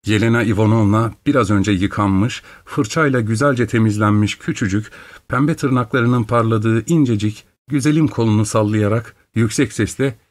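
A man reads a first-person story aloud at a measured pace. His delivery is expressive and steady, in the manner of an audiobook narrator. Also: fairly low pitch, no room sound.

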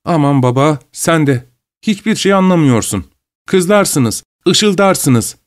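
A man voicing excited teenage sisters who tease and shout in a shrill, singsong way. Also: slow pace. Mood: teasing.

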